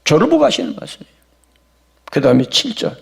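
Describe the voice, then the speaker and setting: A male pastor preaching an impassioned sermon in a church, swinging from shouts to whispers. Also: a little high, huge pitch swings, quick pace, gravelly.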